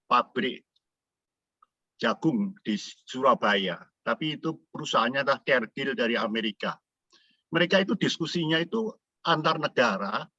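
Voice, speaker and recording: Guy telling a story in a group call, bright tight voice, dull dry sound. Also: mid-range voice, dry recording. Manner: animated storytelling with rising exclamations. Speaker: participant sharing experience. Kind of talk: casual discussion talk.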